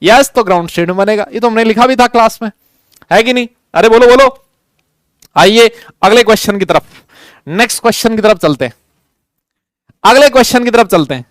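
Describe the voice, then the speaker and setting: A man's voice: sits high, lively intonation, fairly quick, long pauses, no echo. A young man teaching chemistry in a live online class, chatty and jokey, calling students beta as he runs polls.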